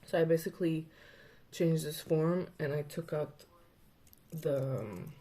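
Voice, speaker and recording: Slow, mellow woman with a lisp. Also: deep voice. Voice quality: slight lisp. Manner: rambling, chatty, with many fillers. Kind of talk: casual chat.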